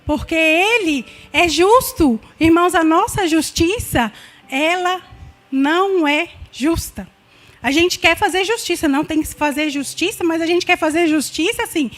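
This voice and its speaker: A woman's voice: very high-pitched, a bit bright. A woman with a Brazilian Portuguese accent preaching a sermon in an earnest, conversational way, often repeating herself.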